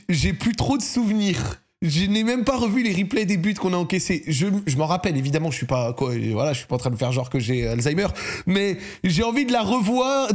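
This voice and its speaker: Young Parisian male streamer, loose slangy storyteller, voice sits high. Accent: Parisian French. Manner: slangy, animated, laughs while telling stories. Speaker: streamer hosting a football debrief. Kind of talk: casual storytelling monologue to viewers.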